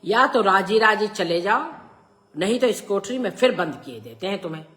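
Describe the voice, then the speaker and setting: A woman voicing a stern, irritable middle-aged father who scolds loudly, inside a story she reads aloud. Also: mid-range voice, big pitch swings, slow pace. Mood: scolding. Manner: scolding, loud.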